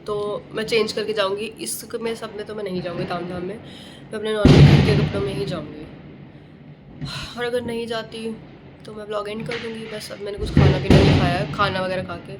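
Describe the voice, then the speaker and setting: A hoarse, tired woman talks candidly into a handheld phone, chatty and self-critical about her own efforts. Her voice sits at an ordinary middle pitch. Loud firecracker bangs and street noise crowd the recording. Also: steady tone, brisk. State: worn out. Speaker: vlogger. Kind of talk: casual festive vlog chat. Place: home and rooftop at night. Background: firecrackers bursting.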